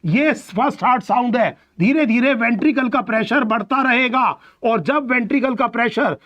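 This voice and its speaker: A man teaching biology in a live online class, with a very high voice. He walks through each step, keeps asking the students questions and answering them himself, and stretches out his English phrases. The audio is dull and lo-fi. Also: normal speed, fairly bright tone. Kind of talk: live online exam-prep lecture.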